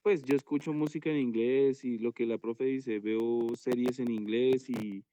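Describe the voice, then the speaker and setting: A man's voice: mid-range voice, fairly even intonation, unhurried, dark tone, highs cut off, a little hiss or hum. A man, a student, asking his teacher questions hesitantly and searching for his words on a video call. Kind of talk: casual class question.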